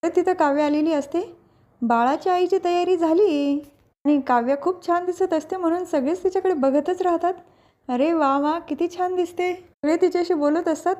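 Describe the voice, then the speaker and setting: A woman's voice: extremely high pitch, warm tone. A woman giving a casual recap of a TV serial episode, retelling the scenes and reading out each character's lines in turn. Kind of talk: casual story recap narration.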